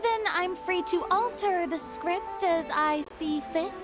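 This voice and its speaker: Voicing a haughty, theatrical young star in a video game, a woman speaks slowly in a very high voice. Game music runs in the background of this self-important, dramatic performance.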